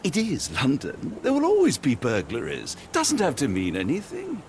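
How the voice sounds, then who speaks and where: An actor playing a courteous, patient doctor, a loyal companion to a detective in a video game, polite and tactful. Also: male voice, medium pitch, wildly swooping pitch, normal speed, darkish tone, a little hiss or hum. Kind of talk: video game cutscene acting.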